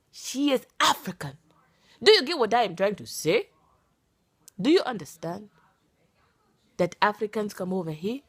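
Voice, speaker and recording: A woman from the United States in her thirties chats casually to camera. Her voice is husky and lowish, with lively swings of pitch. She talks in a playful, dramatic way. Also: no room sound. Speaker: vlogger. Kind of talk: casual vlog chat.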